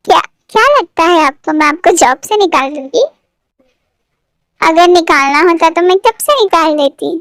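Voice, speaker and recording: A woman's voice: extremely high pitch, lively intonation, normal speed, a bit bright, no echo, studio quality, full character voice. A woman voicing a kind, teasing young woman boss in a fan fiction story read aloud.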